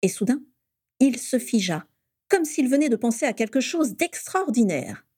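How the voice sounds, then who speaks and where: A woman reading a story aloud with steady storytelling, giving each character a voice. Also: on the high side, normal speed, breathy edge, dry recording, studio quality. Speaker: reader.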